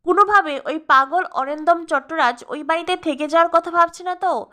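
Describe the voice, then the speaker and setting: A man's voice: extremely high pitch, fairly quick, bright, forceful tone. A woman reading the lines of a brash young man who is blunt and bossy but apologizes.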